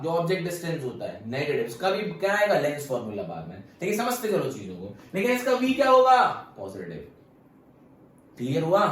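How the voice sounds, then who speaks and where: A man teaching a physics class, firing quick questions at students and answering them himself. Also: high voice, slight background noise. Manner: quizzing students with rapid questions. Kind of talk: classroom lecture. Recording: very echoey room, far from mic.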